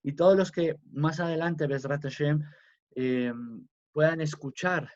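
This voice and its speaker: A man teaching a religious class in a slow, emphatic way, with fillers and restarts. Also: a little high. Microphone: video class recording. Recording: dull lo-fi sound.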